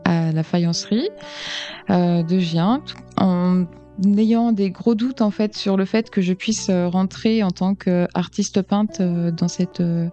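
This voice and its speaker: Woman interview guest, mellow dull-sounding recording. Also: lowish voice, steady tone, takes it slowly, faint music behind. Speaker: interview guest, decorative painter. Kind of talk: radio interview, personal account.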